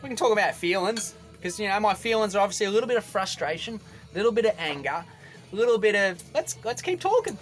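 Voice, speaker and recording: A man's voice: sits high, animated, fast, faint music behind. A young Australian man ranting to camera from a boat, rambling and repetitive, with a combative edge. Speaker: vlogger. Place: on a boat outdoors.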